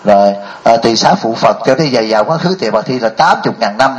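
A man's voice: mid-range voice, expressive, a little fast, dull audio. An older man giving a Buddhist dharma talk, telling stories and often asking the audience rhetorical questions. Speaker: Buddhist monk.

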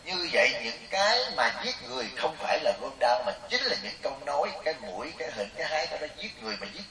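Fast-talking preacher. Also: male voice, a little high, very animated, sharp tone, a little hiss or hum. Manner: storytelling, chatty, keeps asking the audience questions. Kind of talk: humorous Buddhist sermon to a gathering. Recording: roomy, distant mic.

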